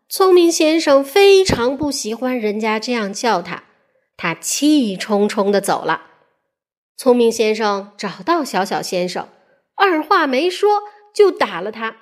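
A mother reading a picture book aloud to children in an expressive, playful way. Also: a little high, unhurried. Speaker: mother storyteller.

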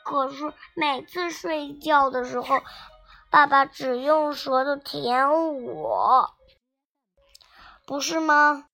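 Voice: high-pitched, takes it slowly, gravelly, bright, forceful tone, faint music behind, full character voice. A child voicing a smug, bragging baby dinosaur. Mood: boastful.

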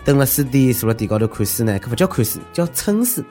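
Sarcastic Shanghai-accented man, lively pitch swings. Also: quick pace, faint music behind. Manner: sarcastic, mocking, conversational delivery. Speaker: host of a comic news commentary show. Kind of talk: humorous news commentary in Shanghainese dialect.

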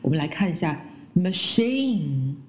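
A woman who speaks Chinese as her first language, teaching English pronunciation and slowly repeating the English words she models. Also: on the low side, animated, dark tone. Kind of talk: pronunciation lesson.

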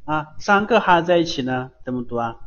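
A man's voice: a little high, lively intonation, fairly quick, a bit bright. A man teaching a beginner Japanese lesson, patiently repeating each word for students to copy. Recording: dull lo-fi recording.

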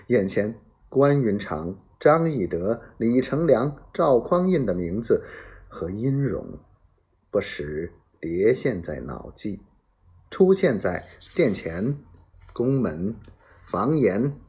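As a storyteller, a man with a lowish voice reads a serialized historical novel aloud. He's dramatic, acting out sound effects in hushed whispers.

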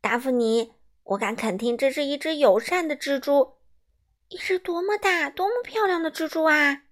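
An eager, curious little storybook boy whose lines lift high and bright, as a woman reads him. He sounds friendly and keen. The voice sits well above an ordinary woman's pitch. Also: normal speed, natural voice. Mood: excited. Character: cheerful, curious young male character. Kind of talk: children's storybook reading.

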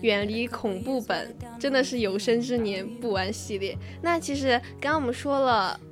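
A woman's voice: a little high, normal speed. A woman co-hosting a casual podcast chat, playful and giggly. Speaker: podcast co-host. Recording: music playing behind.

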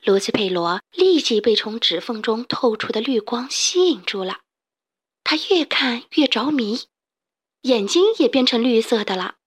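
A woman reading a children's storybook aloud as narrator, in a gentle, expressive manner. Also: a little high, unhurried, breathy edge.

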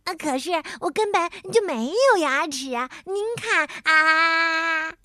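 A woman voicing a cheerful, proud little male frog in a children's storybook, exclaiming loudly. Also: very high voice, animated, slow pace, dry recording, clean studio sound, voice pushed up, full character voice. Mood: pleading.

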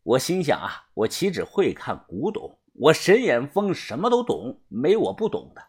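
A woman narrating a first-person novel as an animated storyteller. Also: deep voice, moderate pace, slightly rough. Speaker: audiobook narrator.

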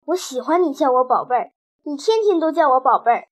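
Tender tabby cat, gentle and loving, storybook part, read by a woman. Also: high-pitched, animated, a little fast.

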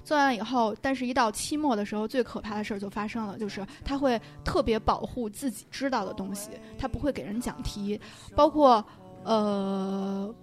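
A woman's voice: a little high, normal speed, faint music behind. A woman recollecting things in informal, casual conversation.

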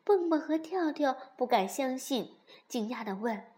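A woman narrating a children's story in a lively, expressive, unhurried way. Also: high-pitched.

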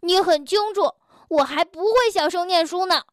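A woman's voice: high voice, lively intonation, normal speed, no echo, clean studio sound. A woman voicing a young male frog in a children's story, who is stubborn but tender-hearted and talks in a huffy, sulky tone. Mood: upset.

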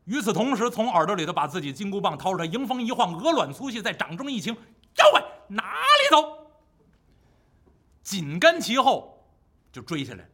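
A man's voice: sits high, a bit bright, husky. A man telling a classic story in the traditional storytelling style, vivid and full of spoken sound effects.

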